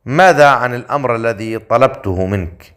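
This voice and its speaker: A man voicing a stern, confident male leader in an audiobook story, with a dry, measured delivery. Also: mid-range voice, fairly bright tone, smooth, natural voice. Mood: calm. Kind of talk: audiobook character voice.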